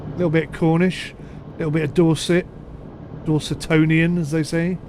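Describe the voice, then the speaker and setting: A man talks through a ship simulator on a live stream in a loose, chatty way, poking fun at himself and answering his chat. His voice sits a little on the high side for a man. A faint steady hum runs under the recording. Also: moderate pace. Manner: chatty, self-deprecating, answers chat comments aloud. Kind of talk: casual live-stream commentary.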